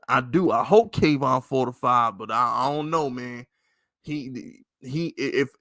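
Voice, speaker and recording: A man hosting a casual sports talk stream, talking in loose, repetitive bursts that climb higher and louder when he gets riled. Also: vocal fry, no echo. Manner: animated, repetitive, rising to near-shouting when riled. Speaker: sports podcast host.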